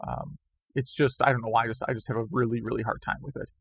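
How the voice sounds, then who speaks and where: A man co-hosting a casual retro gaming podcast chat, rambling and self-deprecating, his voice going hoarse. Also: mid-range voice, level tone, quick pace, a bit bright, dry recording. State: losing his voice. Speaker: podcast co-host.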